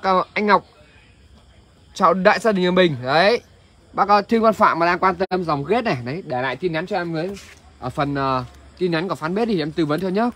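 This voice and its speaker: A man with a northern Vietnamese accent pitching as a used car salesman on a livestream, chatting to viewers with repeated filler tags. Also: fairly bright tone. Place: large covered open-air car lot at night. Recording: noisy outdoor car lot ambience.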